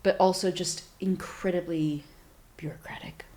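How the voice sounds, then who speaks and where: A woman's voice: lowish voice, normal speed. An American woman in her thirties from Silicon Valley, a startup founder chatting as a guest, telling stories animatedly and acting out her own reactions. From Silicon Valley, California, USA. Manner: animated storyteller, acts out her own reactions, many fillers. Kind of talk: casual interview chat.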